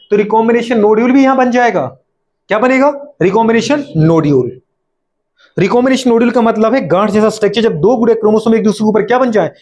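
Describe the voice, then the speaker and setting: A man's voice: high voice, a little mellow. A male biology teacher with a Hindi accent, lecturing a class, often asking questions and answering them himself, teasing his students.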